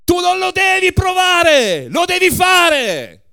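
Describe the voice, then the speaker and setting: A man doing a huge, stern former agent who booms orders. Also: fairly even intonation, measured pace, gravelly. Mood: shouting. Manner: shouting, commanding.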